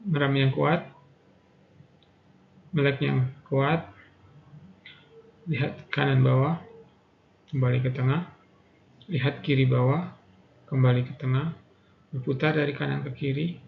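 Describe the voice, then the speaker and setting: Calm man guiding a prayerful tapping session. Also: medium pitch, a little slow, pauses often. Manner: calm, repetitive guiding voice, says prayer affirmations. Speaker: EFT practitioner guiding a session. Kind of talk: guided tapping practice with spoken prayers. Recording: echoey room, dull lo-fi sound, clear background noise.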